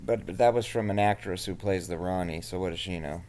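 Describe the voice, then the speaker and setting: A man's voice: low voice, fairly quick, a little mellow. A man talking casually in an improvised role-play, blunt and offhand, with a dismissive streak.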